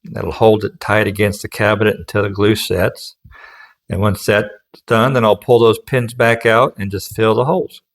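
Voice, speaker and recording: A furniture restorer and instructor narrates a how-to in a casual, plain-spoken, folksy way, explaining things step by step. His voice is on the low side, steady in tone, at normal speed.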